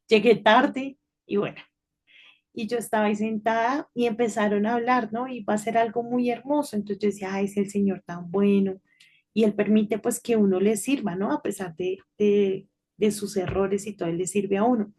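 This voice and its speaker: A middle-aged woman giving an informal devotional talk to children, telling a story in a chatty way and often checking in with a quick "right?". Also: medium pitch, a little mellow. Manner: chatty storytelling with frequent tag questions.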